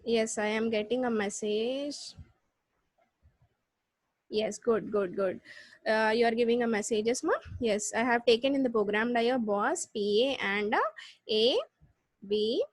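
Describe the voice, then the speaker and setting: South indian lady teaching online, pretty high voice, close dry sound, keeps repeating and restarting her sentences. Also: dry recording. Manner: repetitive explaining, halting and restarting. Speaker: computer science lecturer. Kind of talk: live online lesson with check questions.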